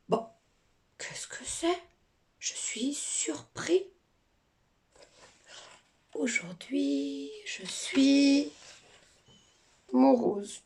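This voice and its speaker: A woman voicing a little fish that tells its feelings, in whispered role-play, slow, soft and drawn out. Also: high voice, heavily acted.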